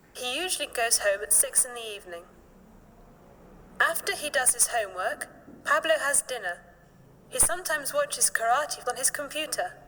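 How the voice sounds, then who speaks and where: A woman reading a short scripted story evenly and clearly, like a textbook audio track. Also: sits high, bright, forceful tone, in a large hall, a little hiss or hum, rough recording. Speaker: narrator of a textbook recording.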